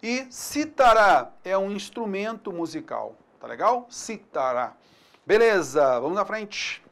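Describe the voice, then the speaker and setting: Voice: medium pitch, very animated, measured pace, gravelly. A teacher with a Brazilian accent giving a recorded exam-prep grammar lesson over screen slides, casual and upbeat, checking in with the students after nearly every point. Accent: Brazilian Portuguese.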